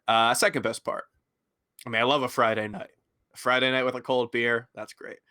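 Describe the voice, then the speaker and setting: A man's voice: medium pitch, flat delivery, a little fast, bright, forceful tone, no room sound, studio quality. A man hosting a casual podcast, joking and laughing often as he talks with friends. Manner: jokey, laughs often, playful bits. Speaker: podcast host.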